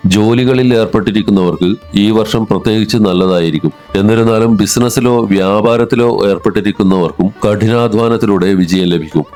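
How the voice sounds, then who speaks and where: Man, low voice, scripted horoscope narration, even formal reading, faint background music. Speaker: astrology narrator. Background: soft instrumental music.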